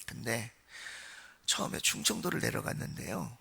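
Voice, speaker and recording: A man's voice: medium pitch, sing-song, moderate pace, vocal fry, sharp tone, husky. A man from Seoul preaching a Sunday sermon in a church, telling stories in a chatty way and speaking straight to the congregation. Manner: conversational storytelling, addresses the congregation. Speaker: pastor. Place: church sanctuary.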